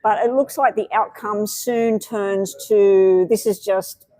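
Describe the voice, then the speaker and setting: A woman's voice: mid-range voice, fairly even intonation, slow, dark tone, no room sound, low-quality recording. A woman giving tarot readings on a live stream, chatty and meandering, with many fillers. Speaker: tarot reader.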